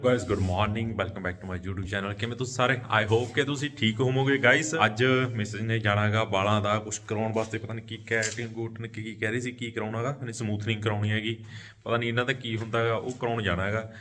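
A man's voice: on the low side, fairly even intonation, fairly quick, a bit bright, soft background music. A man from Punjab in India, filming a casual family vlog on his phone and teasing his wife in joking banter. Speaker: vlogger. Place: outdoors in a town market. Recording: traffic noise around.

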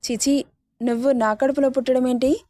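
A woman's voice: sits high, steady tone, moderate pace, warm tone, no room sound, lightly acted. A woman voicing a short-tempered young male company boss who snaps curt orders. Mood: irritated.

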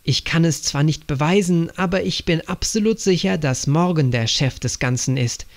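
A man's voice: a little high, moderate pace, natural voice. A man voicing an earnest young woman agent reporting to her father in an audiobook.

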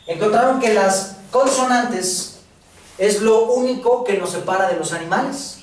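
A man's voice: sits high, unhurried. A man with a Mexican accent giving a casual, slangy classroom lecture, checking in with his students. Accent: Mexican Spanish. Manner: casual, slangy lecturing with filler words and questions to the audience. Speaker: course instructor. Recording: echoey room, voice from far off, faint noise.

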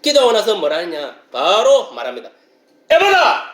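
High-voiced preacher with sudden shouts. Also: male voice, animated, fast, echoey room. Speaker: pastor. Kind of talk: sermon.

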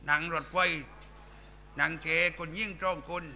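A man's voice: a little high, unhurried, gravelly, bright, forceful tone, slight background noise, voice pushed down, full character voice. A man voicing a bawdy male village clown in a Southern Thai accent, telling coarse jokes in a live shadow puppet show. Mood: bawdy joking. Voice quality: coarse, rowdy, bantering.

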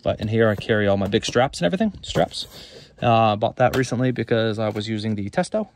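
Low gravelly man touring his work van. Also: lively intonation, fairly quick, a little hiss or hum. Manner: rambling, list-like, many fillers. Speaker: self-employed HVAC technician. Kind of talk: casual van tour walkthrough.

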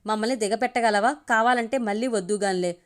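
Storybook figure: a firm, grave older mother, read by a woman, measured delivery. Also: fairly high pitch, clean tone, close to an everyday voice.

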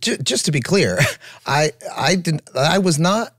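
A man's voice: a little high, animated, measured pace, fairly bright tone, no echo, studio quality. A man on a podcast explaining himself to a co-host in casual, defensive chat.

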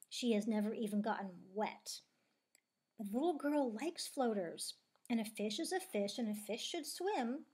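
A woman reading a children's book aloud with lively storytelling. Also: medium pitch, slightly rough. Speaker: reader.

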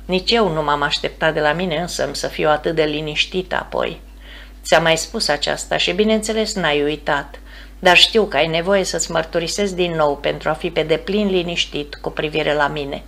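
A woman reading the part of a devout young bride-to-be, speaking softly and earnestly. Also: sits low, vocal fry. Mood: tender. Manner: soft, earnest, reassuring.

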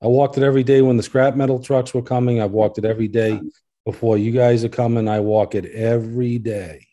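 A man's voice: mid-range voice, steady tone, fairly quick, dark tone. A man speaking as a local resident at a public hearing, earnest and insistent, often repeating his points.

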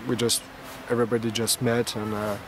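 A man from France, a packrafter interviewed outdoors, talking haltingly and restarting his phrases. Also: lowish voice, little pitch movement, background noise. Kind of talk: documentary interview. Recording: music playing underneath.

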